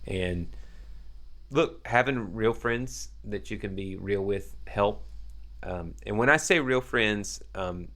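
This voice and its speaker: Podcast guest, male, lower register, earnest and reflective, explains through examples. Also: slow, a bit bright. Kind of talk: casual conversational advice.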